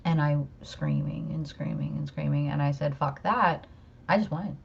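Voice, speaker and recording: A woman co-hosting a casual chat, telling stories in a lively, profane way. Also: low voice, normal speed, gravelly, husky. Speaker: podcast co-host. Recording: muffled lo-fi audio.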